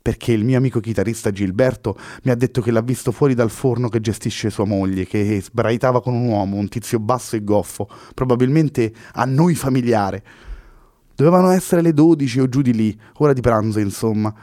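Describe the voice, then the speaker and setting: A man's voice: medium pitch, fairly quick, warm tone, no room sound, studio quality, natural voice. A man reading an audiobook voices a cocky young French musician who talks in a boastful but slightly awkward way. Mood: explaining.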